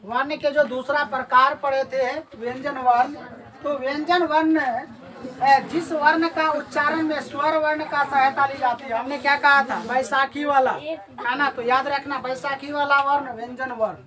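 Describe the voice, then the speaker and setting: High-voiced woman teaching a noisy class. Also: fairly even intonation, unhurried, crowd noise. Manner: quizzes the class and repeats the answers. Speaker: Hindi grammar teacher. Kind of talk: classroom lecture. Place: classroom with students. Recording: distant mic, class of students audible.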